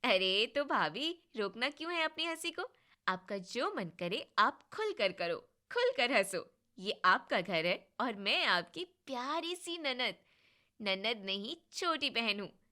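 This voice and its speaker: A cheeky, bubbly young sister-in-law in a storybook drama, voiced by a woman. She is loud, playful and a little bossy. Her voice is bright and slightly high. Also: big pitch swings, takes it slowly, full character voice. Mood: affectionate.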